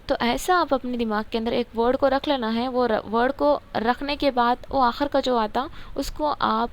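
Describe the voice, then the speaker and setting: A woman's voice: a little high, steady tone. A woman explaining a grammar textbook in a casual lesson, asking questions and answering them herself. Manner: repeats words, asks and answers her own questions. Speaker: teacher.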